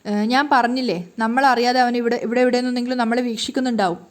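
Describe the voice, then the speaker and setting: A woman's voice: on the high side, steady tone, fast talker, close to an everyday voice. A woman voicing a suspicious, easily frightened older sister. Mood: worried. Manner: suspicious, worried.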